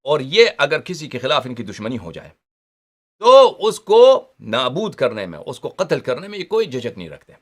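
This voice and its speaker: Animated, emphatic male religious lecturer. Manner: explains Arabic terms in Urdu, often checks understanding with rhetorical questions; animated and emphatic, with sharp rises in pitch and loudness.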